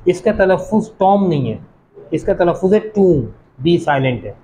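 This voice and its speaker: Fairly high-voiced teacher drilling pronunciation. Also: male voice, very animated, dark tone, slight background noise, poor audio. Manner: explains patiently, repeats words slowly, asks the class questions. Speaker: college teacher. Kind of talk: classroom lecture on English pronunciation. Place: classroom.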